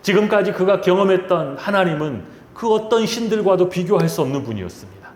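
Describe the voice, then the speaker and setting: Brief: male senior pastor, dramatic storytelling sermon, wide swooping pitch, echoey church sanctuary. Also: animated, fairly quick. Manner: dramatic storytelling with rhetorical questions. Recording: roomy church echo.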